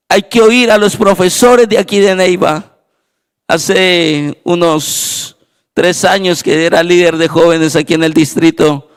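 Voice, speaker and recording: A man's voice: high-pitched, smooth. A man, a pastor with a Colombian Spanish accent, preaching a sermon in a church and telling stories that build to fervent exclamations. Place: church sanctuary.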